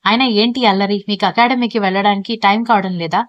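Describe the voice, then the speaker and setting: A woman narrator voicing a polite, gently teasing young wife and daughter-in-law in an audio story. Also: medium pitch, steady tone, fast, no echo, muffled recording, natural voice. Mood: gentle.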